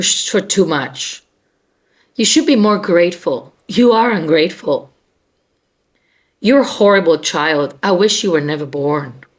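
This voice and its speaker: A woman acting as a scornful, berating mother. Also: mid-range voice. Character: mean berating narcissistic mother, scornful and cold.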